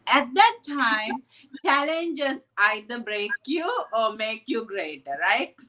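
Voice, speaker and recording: On a very noisy recording, a Sri Lankan woman speaks with a highish voice, lively intonation, and a slow pace. She's a psychotherapist guest in an interview, earnestly and reflectively recounting her story with frequent "right?" asides.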